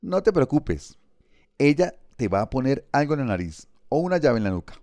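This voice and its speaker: A man reading a storybook, voicing a gentle, polite, pious schoolboy. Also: medium pitch, sing-song, normal speed, dry recording, studio quality, pitched above the performer's own voice.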